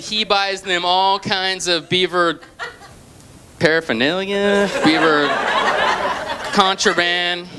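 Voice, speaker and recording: A middle-aged man from Portland, Oregon, telling a stand-up comedy story on stage with punchy, deadpan asides. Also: sits high. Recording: noisy live club recording. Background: audience laughter.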